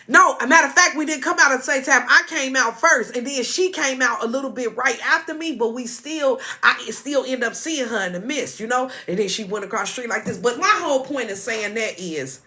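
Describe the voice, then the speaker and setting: A woman's voice: high voice, pushed and bright. A woman hosting a livestream, giving a spiritual motivational talk in a preachy, repetitive, casual storytelling manner. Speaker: livestream host.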